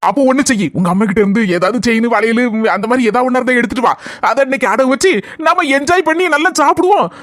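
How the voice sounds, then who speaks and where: A woman voicing a boastful, penniless husband in a comic cartoon, with a Kanyakumari Tamil accent and a teasing, smooth-talking manner. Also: on the high side, fast talker, no echo, clean studio sound, lightly acted. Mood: scheming. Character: boastful broke husband back from abroad.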